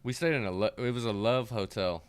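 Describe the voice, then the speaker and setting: A middle-aged man in casual podcast chat, telling stories with animated quoted voices. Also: fairly low pitch, a little fast, clear, resonant tone. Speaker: podcast co-host.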